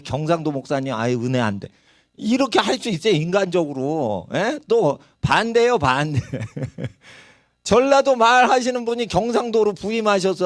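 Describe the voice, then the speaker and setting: Male pastor, middle-aged, lively sermon delivery, dry close sound. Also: high-pitched, no room sound. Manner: animated preaching, dramatizing quoted voices and regional dialects.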